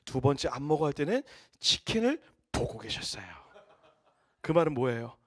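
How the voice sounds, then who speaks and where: A man preaching a sermon, telling a family story with animated acted-out dialogue and asking the congregation questions. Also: medium pitch, normal speed. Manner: animated storytelling, mimicking his father's scolding, asks the congregation questions. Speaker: pastor.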